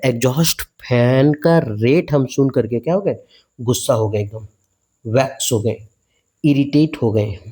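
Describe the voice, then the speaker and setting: A man's voice: medium pitch, warm tone. A man teaching an exam vocabulary lesson in a chatty way, repeating words as memory tricks and asking his students questions. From India. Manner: chatty, repeats words in mnemonic chants, asks learners questions.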